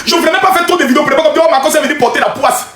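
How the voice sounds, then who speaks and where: Male streamer, high bright voice, exuberant shouting and laughing, echoey room. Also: racing. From Cameroon. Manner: exuberant, shouting, laughing, sing-song preaching. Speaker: live streamer. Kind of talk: excited livestream reaction.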